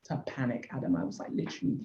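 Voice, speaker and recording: Racing through her words, a Nigerian business founder in her forties tells her personal story on a podcast, earnest and candid, with "literally" cropping up repeatedly. A crowd can be heard behind her. The echoey space leaves the recording dull and lo-fi.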